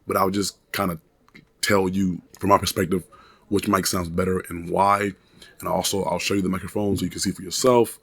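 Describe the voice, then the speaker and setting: A man in his thirties, hoarse as he recovers from a cold, rambles through a casual microphone review vlog at his home desk, full of restarts and fillers. His low, gravelly voice with vocal fry has little pitch movement, a brisk pace and a slightly bright tone. It's captured close and dry on a desk condenser USB mic, with no room echo.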